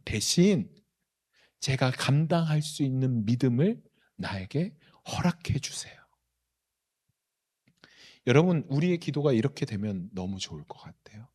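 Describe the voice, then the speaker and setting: A man preaching a sermon as pastor, dropping to near-whispers and rising to loud exclamations, acting out God in lively quoted asides. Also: mid-range voice. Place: church sanctuary.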